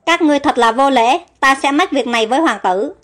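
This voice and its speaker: A woman's voice: sits high, brisk, a bit bright, faint music behind. A woman voicing a haughty young noblewoman who scolds the servants indignantly.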